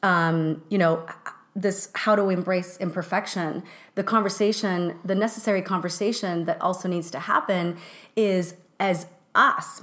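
A middle-aged woman co-hosts a podcast, speaking casually with lots of restarts and fillers. Her voice sits on the low side with a fairly bright tone.

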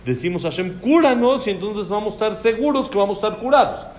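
A man's voice: high voice, lively intonation, fast talker. A man teaching a religious lesson on prayer, posing questions and answering them himself. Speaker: Torah teacher.

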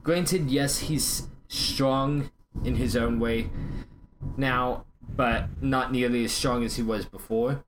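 A man's voice: medium pitch, steady tone, slow, noisy background. A man hosting a casual gaming podcast with playful, joking banter. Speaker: podcast host.

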